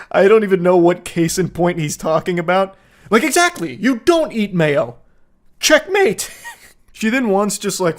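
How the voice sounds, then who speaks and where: Sarcastic man mocking text messages. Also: a little high. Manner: sarcastic, mocking, loud outbursts. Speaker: commentator. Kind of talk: comedic commentary reading texts aloud.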